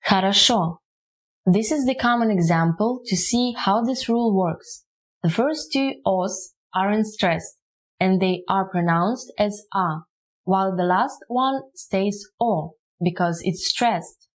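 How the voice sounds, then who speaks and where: A woman whose first language is Russian gives a language lesson at an unhurried pace. She breaks words down syllable by syllable in a careful, teacherly way. Her voice sits at an ordinary middle pitch. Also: poor audio.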